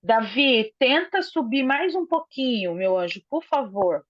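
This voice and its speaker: A woman's voice: a little high, expressive, unhurried, no echo. Woman teaching a class over a phone. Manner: explanatory, often adds "né?". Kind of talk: online class over video call. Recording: dull lo-fi phone audio, dry.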